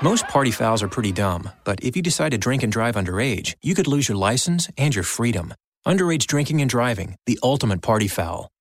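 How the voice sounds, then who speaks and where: A man reading a scripted public service announcement in a brisk, direct way. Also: mid-range voice, very animated.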